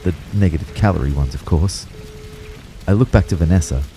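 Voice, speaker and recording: A young man with a deep voice speaks a little fast over soft background music. In this audio drama he plays an anxious narrator recounting his own out-of-body ordeal in the first person, mixing narration with acted dialogue. The mood is tense and reflective, and his expressive delivery moves from hushed narration to urgent pleading.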